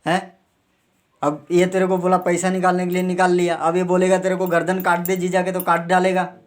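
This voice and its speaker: A man with a high-pitched voice scolds and interrogates in a heated, threatening way. He keeps snapping short demanding questions. It sounds like it was recorded indoors in a small rented room. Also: completely flat delivery, fairly quick. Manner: angry, scolding, keeps barking a demanding "huh?". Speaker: man confronting suspected thieves.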